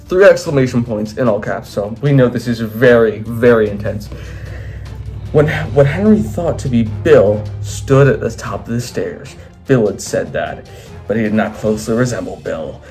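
A man's voice: mid-range voice, mellow. A man reading his old fan fiction aloud with wry, self-mocking asides. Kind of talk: comedic reading with commentary.

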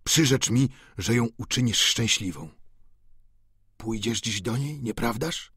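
A man reading an audiobook, voicing an aging, doting father who talks in a husky, pleading way. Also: animated, fairly bright tone, no echo, clean studio sound. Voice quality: husky, slow and low.

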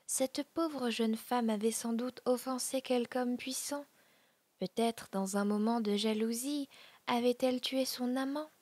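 A woman narrating a classic novel in a soft, breathy ASMR audiobook reading. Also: fairly high pitch, steady tone, a little slow, dry recording. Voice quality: breathy, whispery.

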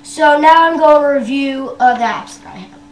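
Young woman from Canada, casual vlogger, high voice, unhurried, filler-heavy, echoey room. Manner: hesitant, many ums and wells. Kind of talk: casual screen-tour vlog. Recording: roomy echo with faint hum.

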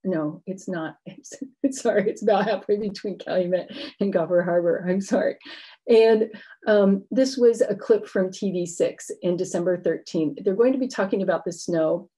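A woman's voice: medium pitch, moderate pace, dark tone, breathy edge. A middle-aged woman giving an explanatory academic lecture with informal asides, speaking into a computer mic. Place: indoor book-lined room at home.

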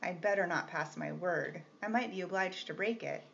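A woman's voice: lowish voice, normal speed, vocal fry, a bit bright. A woman reading the part of a composed young governess, polite but firm and restrained. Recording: slightly muffled with faint hiss.

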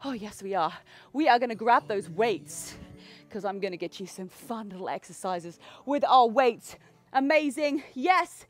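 High-voiced woman coaching, music behind. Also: lively intonation, measured pace. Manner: encouraging, addresses listeners directly. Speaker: fitness instructor and coach. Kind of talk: casual coaching talk to a class. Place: outdoors on a backyard pool deck.

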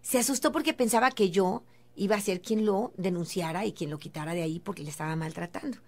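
A woman radio host, telling a story in an earnest, gentle and preachy way. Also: medium pitch, quick pace. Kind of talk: storytelling on a radio talk show.

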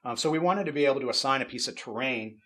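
A middle-aged man casually walking through a software tool demo in an office, explaining as he goes with frequent fillers. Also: mid-range voice, expressive, fast talker. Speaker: game studio technical artist demonstrating tools. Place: office at a desk with monitors.

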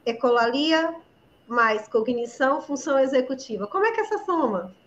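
A woman's voice: high-pitched, lively intonation, moderate pace, a little hiss or hum. A woman hosting a live interview, chatty and asking long rambling questions, recorded with dull lo-fi live-stream audio.

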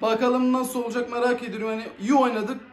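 A man giving live reaction commentary on a football match, excitable, swinging between shouting and grumbling, in casual slang. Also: very high-pitched, quick pace. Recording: echoey room.

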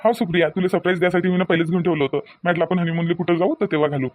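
A man with a high-pitched, steady voice delivers rapid-fire, lightly acted cartoon lines as a young newlywed husband. Doting yet a bit impatient, he coaxes insistently in colloquial Varhadi Marathi with a Vidarbha accent.

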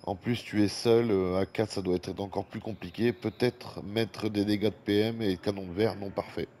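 Congested from a cold, this French-accented gaming YouTuber talks through a video game and reads out viewer comments in a chatty way, sometimes breathing heavily. His voice is on the low side and darkish, fairly even in intonation, at normal speed. A fan runs faintly near his desk microphone.

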